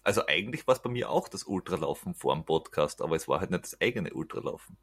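An Austrian man with a low voice that is rough and husky around the edges. He talks casually as a podcast guest and likes to joke at his own expense. His intonation moves up and down a great deal. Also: lively intonation, fast talker, fairly bright tone. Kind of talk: casual chat.

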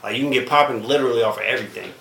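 A man in his thirties, a comedian guest, talks in a relaxed drawl with slang, often trailing off mid-thought. His voice sits at a middling pitch. The room is echoey, with a faint hiss behind him. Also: very fast, vocal fry. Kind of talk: casual podcast chat.

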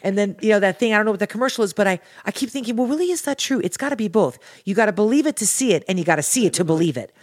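A woman's voice: mid-range voice, animated, rapid-fire, few pauses, a little mellow. A woman speaking as a podcast guest, earnest and candid, talking in long rambling runs with restarts. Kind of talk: casual podcast chat.

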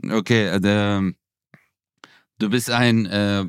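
A man's voice: on the low side, steady tone, slow, clear, resonant tone, dry recording, studio quality. A man co-hosting a podcast in casual chat, joking around and slipping into mock English voices. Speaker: podcast co-host.

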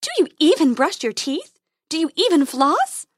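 A woman voicing a cheerful female tooth fairy dentist who talks in a brisk, chirpy way. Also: sits high, sing-song, no echo, clean studio sound, pitched above the performer's own voice. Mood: bossy.

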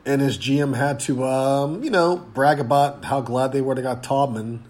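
Congested hoarse man hosting a podcast. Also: mid-range voice, darkish tone. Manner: rambling, halting with fillers. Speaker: podcast host. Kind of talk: casual podcast rant.

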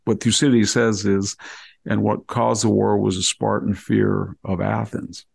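A man with a very gravelly, husky voice talks as a history scholar would in conversation. He is erudite and emphatic, wandering into asides as he explains. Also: fairly low pitch, flat delivery, unhurried, a little mellow. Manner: erudite, emphatic, digressive, acts out imagined dialogue. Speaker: historian guest.

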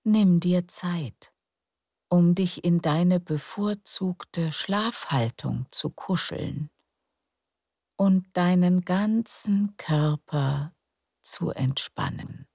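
A woman narrating sleep stories for adults in a hushed, calm, soothing, breathy and creaky voice, often close to a whisper. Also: lowish voice, very slow, no room sound. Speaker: sleep story narrator and podcast host. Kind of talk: soothing scripted bedtime story narration.

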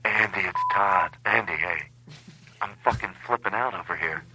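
A podcast host voicing a frantic, pleading voicemail message over a landline phone. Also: male voice, low-pitched, moderate pace, rough recording.

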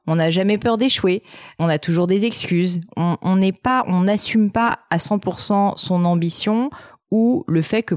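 Woman host for a relaxed interview chat; loose, filler-heavy, dry and close. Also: on the low side, no room sound. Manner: chatty, many fillers and restarts. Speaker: podcast host.

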